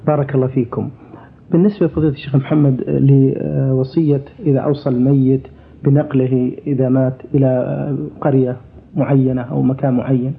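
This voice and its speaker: A male presenter reads listener letters aloud in a brisk, formal manner. His voice is mid-pitched and reaches us through a thin, phone-like radio sound. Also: flat delivery, creaky. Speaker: radio program presenter reading listener questions. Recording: tinny, lo-fi radio broadcast.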